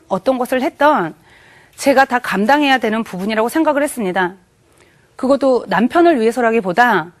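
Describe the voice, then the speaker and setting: A woman with a high-pitched voice gives a personal testimony of faith. She speaks earnestly and with emotion, and she pauses haltingly between phrases.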